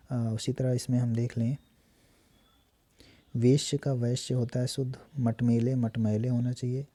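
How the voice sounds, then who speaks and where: A man teaching an exam-prep spelling lesson, reading out word after word in a steady, repetitive drilling manner. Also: medium pitch, no echo.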